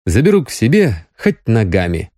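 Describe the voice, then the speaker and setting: A man giving voice to a grown man with a wry, understated humour, speaking in a mellow, warm tone with lively turns of pitch. It sounds close and dry, like an audiobook. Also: moderate pace, no room sound. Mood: wry, tender.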